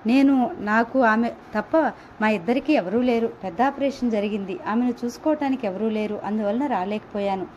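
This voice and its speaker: A woman voicing a gentle, apologetic married man who talks in a soft, coaxing, pleading way, in a story reading. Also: a little high, normal speed, dull audio, slight background noise, lightly acted.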